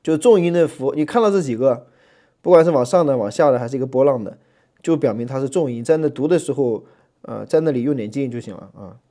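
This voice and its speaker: A man gives a relaxed Greek lesson in a warm, darker voice at a middling pitch. He talks in a chatty way, full of little fillers, and drags out letters and syllables when he spells them for his students. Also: fast talker. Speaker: Greek language teacher. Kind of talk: relaxed classroom lecture.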